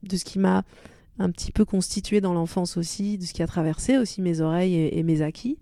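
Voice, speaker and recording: A mellow, somewhat low female voice, slightly fast, recorded dry and at studio quality. The speaker, a singer-songwriter with Arabic as her first language, gives a relaxed interview about her music, thinking it through and often restarting to find the right words.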